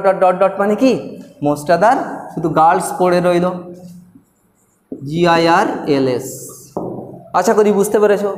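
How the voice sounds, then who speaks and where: A man's voice: high-pitched, darkish tone, echoey room, big-room sound. A man with a Bengali accent teaching English grammar in a classroom, explaining step by step, repeating key words and checking that students follow. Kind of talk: classroom lesson.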